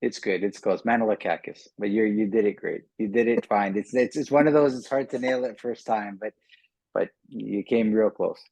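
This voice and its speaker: Over a video call with an earbud mic, a middle-aged martial arts instructor from Canada talks casually in an interview, quick to laugh and prone to repeating words. He sounds fairly low-pitched, creaky, dark-toned and slightly rough, with no echo.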